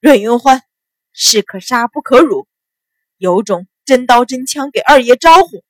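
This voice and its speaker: A woman's voice: fairly high pitch, expressive, unhurried, no echo. A woman voicing a defiant captive nobleman. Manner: loud, defiant shouting.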